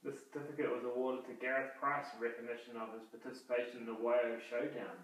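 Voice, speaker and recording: A man's voice: medium pitch, flat delivery, fast talker, a bit bright. A man chatting casually while looking around. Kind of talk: casual chat while exploring. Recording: echoey room.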